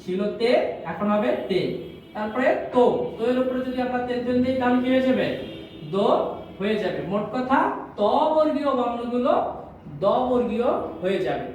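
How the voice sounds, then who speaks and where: A woman's voice: on the high side, animated, moderate pace, darkish tone. A woman with a Bangladeshi Bengali accent teaching a language class, drilling sounds over and over and answering her own questions. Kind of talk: classroom lesson. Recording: very echoey room, voice from far off, faint noise.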